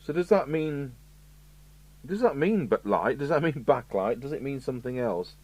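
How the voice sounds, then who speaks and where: A British radio repair technician presents a review, giving casual, matter-of-fact hands-on commentary and musing to himself as he works. His medium-pitched, darkish voice has lively intonation at normal speed. The indoor electronics workshop has clear background noise and an electrical hum.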